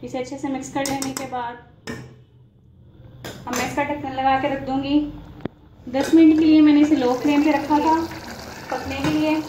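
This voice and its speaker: A woman hosting a cooking channel, calmly narrating a recipe step by step as she cooks in a home kitchen. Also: high voice. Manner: calm, methodical, walks through each step. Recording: echoey kitchen with background noise.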